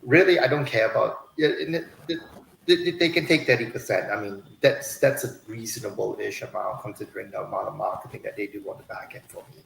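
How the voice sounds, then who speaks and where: A man chatting informally and a little haltingly on a livestream as an author. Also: fairly low pitch, vocal fry, fairly bright tone. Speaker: author and publisher. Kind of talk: casual livestream chat. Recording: echoey room with faint noise.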